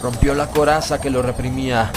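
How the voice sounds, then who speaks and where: Briskly and in a steady mid-range tone, a man reads a horror audiobook as dramatic first-person narration, grave and full of suspense. Loud background music adds noise underneath.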